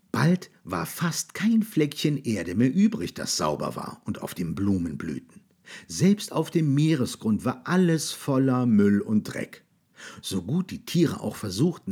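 A man's voice: on the low side, breathy edge. A man reading a children's story aloud, stretching key words for emphasis. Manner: expressive, drawn-out emphasis.

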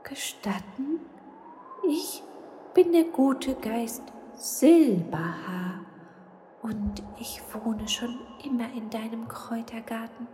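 A woman voicing a gentle, mysterious male ghost who speaks in a breathy, slow, hooting way. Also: fairly high pitch, slight background noise, pitched above the performer's own voice. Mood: friendly.

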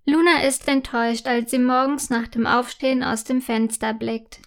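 A woman narrating a children's story in a gentle, clearly articulated way. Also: a little high, fairly even intonation, normal speed.

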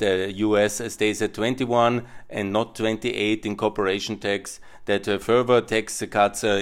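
A middle-aged man from Austria with a strong Austrian German accent, speaking English as a second language. He hosts a podcast and speaks earnestly about policy, halting often with filler sounds. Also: fairly low pitch, clear, resonant tone. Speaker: podcast host. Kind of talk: monologue on policy.

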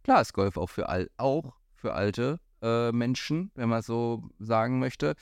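A man's voice: mid-range voice, animated, unhurried, smooth, no room sound, clean studio sound. A man talking as a golf pro in a casual podcast chat, hesitant, with many fillers and restarts. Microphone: studio microphone.

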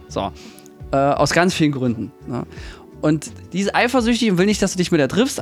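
Verspielter junger Mann im Podcast-Plausch. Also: male voice, on the high side. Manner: playful, quick to laugh, asks teasing questions. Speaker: podcast co-host. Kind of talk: casual chat.

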